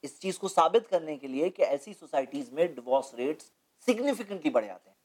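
A man's voice: a little high, a little mellow. Male guest speaker, studio interview, lecturing and explanatory, fond of rhetorical questions. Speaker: guest speaker on Islamic topics.

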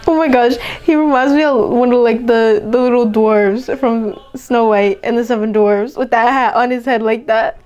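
A young woman hosting a reaction video, chatting casually and excitedly, full of slang and fillers as she reacts. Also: fairly high pitch, normal speed, hardly any pauses, clear, resonant tone, lo-fi sound. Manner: excitable, gushing, peppered with "yo" and "like".

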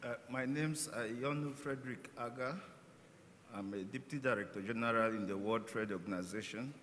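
A man's voice: medium pitch, moderate pace, fairly bright tone, slight background noise. A man from Nigeria, an international organization official, introducing himself formally and concisely. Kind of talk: panel self-introduction. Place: conference hall stage, seated. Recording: hall reverb.

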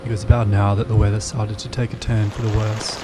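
A young man narrating his solo hiking trip in a calm, easygoing, understated voice-over. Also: fairly low pitch, quick pace, background noise. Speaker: vlogger. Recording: voice-over with loud background music.

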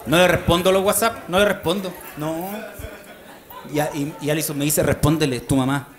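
A man with a Chilean accent performing a stand-up comedy routine on a club stage into a handheld mic, rowdy, switching between confiding asides and shouting. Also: on the high side, normal speed. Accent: Chilean Spanish. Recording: live show with loud crowd and noise.

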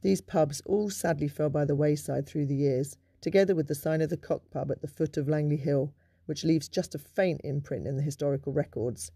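A man narrates local history in a measured, informative way, his voice slightly high and gravelly with a mellow tone. The recording is close and dry, with no room sound. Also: fairly even intonation, dry recording.

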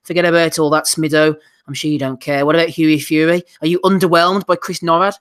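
A male podcast host runs a relaxed boxing chat show, his voice pitched a bit higher than most men's. He keeps things moving briskly and reads listener questions aloud, sounding slightly hoarse as he loses his voice.

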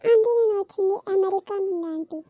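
A woman's voice: extremely high pitch, fast talker, no echo, lo-fi sound. A woman voicing a polite young female visitor back from abroad in a cartoon, pleading and courteous.

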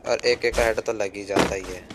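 Young male streamer, casual game commentary, animated outbursts, heavy background noise. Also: lowish voice. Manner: chatty, quick bursts of excitement and grumbling. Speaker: gaming streamer.

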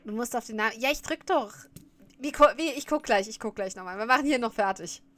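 A woman's voice: fairly high pitch, brisk, fairly bright tone, no echo. A woman streamer chatting casually while reacting to a clip, often laughing and scolding her viewers.

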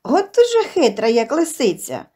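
A woman's voice: high voice, huge pitch swings, moderate pace, mellow, husky, heavily acted. A woman voicing a grumpy, stern flower seller who grumbles harshly in an audio story. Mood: grumbling.

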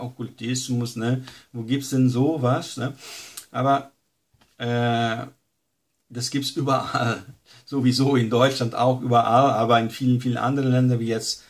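Male Bible teacher, mid pitch, chatty teaching style. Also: gravelly. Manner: conversational, frequent tag questions. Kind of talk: informal teaching lesson.

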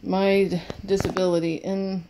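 A woman sniffles while training her service dog in a cluttered room at home with a wood floor, chatting apologetically, rambling and repeating words. Her medium-pitched voice is flat and a little slow, with background noise.

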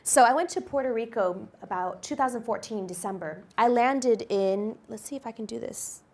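A company executive from the United States, a woman in her forties, addresses a university class as a guest lecturer. Her voice is a little high and her speed normal as she tells lively, upbeat personal stories into a handheld microphone on the lecture hall stage.

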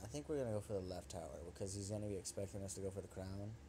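A young man giving excitable, trash-talking commentary over his own gameplay, swearing at his opponent as he plays. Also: sits low, racing, noisy background. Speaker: gaming channel host.

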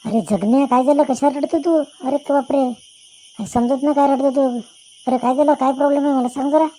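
A voice actor playing an excitable older village man who talks loudly and fusses over his young friend in a cartoon. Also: brisk, slight background noise, natural voice. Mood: alarmed. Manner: loud, high, fussing questions. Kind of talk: cartoon voice acting.

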